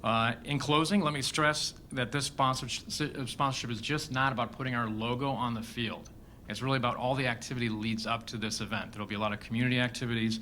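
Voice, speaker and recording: A man's voice: medium pitch, fairly even intonation, fast talker, sharp tone, a little hiss or hum. A man with a Chicago accent giving an upbeat, prepared press speech as a corporate sponsor executive.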